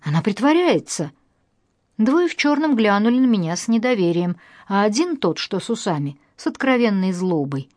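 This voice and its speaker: A woman narrating a first-person audiobook in a wry, lively storytelling manner. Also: medium pitch, a little fast, hardly any pauses, no room sound, clean studio sound.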